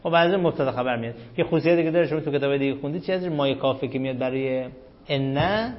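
A man teaching an Arabic grammar lesson, asking his students questions and answering them himself, and reciting the analysis of sentences in a slow, chanting cadence. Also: mid-range voice. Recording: dull lo-fi recording.

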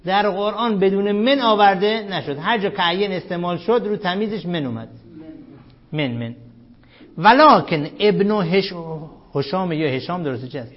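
A man gives a grammar lesson in a classroom, throwing questions at his students and answering them himself. He reads the Arabic lines slowly, almost chanting them. His voice sits a little high, and the recording sounds dull and lo-fi. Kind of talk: classroom lecture.

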